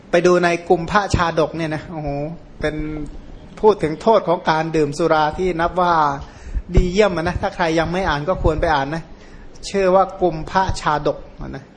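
Thai monk, grew up speaking khmer, teaching dhamma in a loose chatty way, kinda high voice, bit of hiss. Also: male voice. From Surin, Thailand. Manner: chatty, rambling, self-correcting with fillers. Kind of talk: Dhamma talk, informal teaching.

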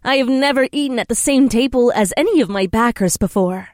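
A man's voice: very high voice, brisk, no echo, clean studio sound, pitched above the performer's own voice. A man voicing a formal warrior princess. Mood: earnest, wondering. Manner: formal stilted phrasing without contractions. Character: young woman warrior princess, formal, earnest, otherworldly.

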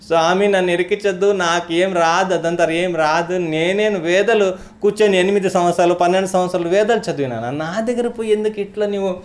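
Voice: medium pitch, a little fast, natural voice. A storyteller voicing a humble male temple garland maker who pleads that he is not learned enough. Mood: pleading. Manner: pleading, self-doubting. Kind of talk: devotional storytelling.

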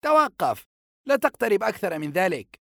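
A man's voice: sits high, very animated, a little fast, creaky, bright, forceful tone, no room sound, studio quality, voice pushed up, exaggerated voice. A man voicing a wary young male guard warning a stranger in an audiobook. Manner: warning, then deferential.

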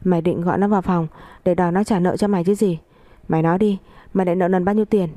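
A woman's voice: lowish voice, steady tone, rapid-fire, no room sound, lightly acted. A woman voicing a furious old father. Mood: angry scolding. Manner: shouting, harsh scolding. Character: furious elderly father-in-law scolding his son.

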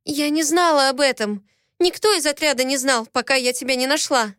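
A woman's voice: high-pitched, moderate pace, a bit bright, dry recording, clean studio sound, voice pushed up. A woman voicing a flustered, defiant young female ship mechanic in an audiobook, speaking in a raised, indignant voice. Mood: pleading.

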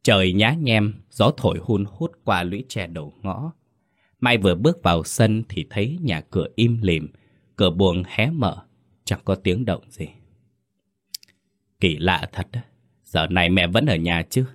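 Deep-voiced man narrating a ghost story. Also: expressive, a little slow.

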